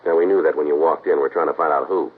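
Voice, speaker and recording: A very deep-voiced male police detective narrates a 1950s radio crime drama, clipped, quick and terse, with a flat, matter-of-fact, no-nonsense delivery and a probing mood. The audio is a thin, tinny old radio broadcast with faint hiss.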